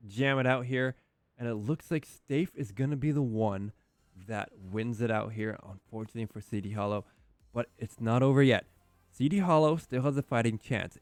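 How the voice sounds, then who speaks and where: A man casting a live esports match as play-by-play commentator, getting louder and higher at the big plays. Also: no echo. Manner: excitable, rising in pitch and volume at key plays. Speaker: esports caster.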